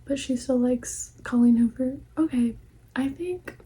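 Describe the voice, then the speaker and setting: A woman in an ASMR ASMR role-play, playing a polite, helpful librarian in a soft, breathy library soft voice with a gentle, attentive manner. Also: high-pitched, unhurried, exaggerated voice. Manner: gentle, hushed, attentive customer-service talk. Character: helpful, polite female librarian recommending books to a customer.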